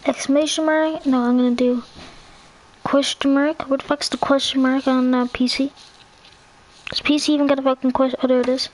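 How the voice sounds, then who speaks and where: A woman's voice: high-pitched, little pitch movement, a little fast, low-quality recording. A woman hosting a small channel, rambling in casual chat, swearing often and groping for words. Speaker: channel host. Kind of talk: casual chat while texting.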